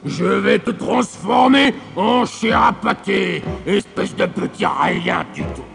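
A man voicing a huge, gruff and sulky male giant in a storybook, with slow growling roars. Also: high voice, fairly bright tone, soft background music, voice pushed up, full character voice. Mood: menacing. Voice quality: gravelly. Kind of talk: storybook character voice.

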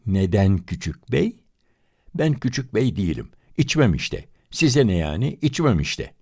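A man's voice: fairly low pitch, sing-song, unhurried, a little mellow, husky, exaggerated voice. A man voicing a teasing grown woman at a hotel in a read-aloud story, with a sing-song manner.

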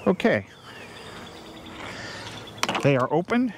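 A man, a beekeeper, explaining his steps in a casual, unhurried way while he works outdoors. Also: fairly high pitch, very animated, background noise. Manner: plain, unhurried, thinking aloud while working. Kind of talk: casual how-to narration. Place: outdoors beside a beehive. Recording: faint outdoor ambience with buzzing bees.

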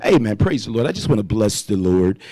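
A man's voice: fairly low pitch, big pitch swings, a little fast, dark tone. A man in his fifties preaching live on radio from a studio, fervently calling out praise and amen between his thoughts. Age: 50s. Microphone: studio mic on boom arm, wearing headphones.

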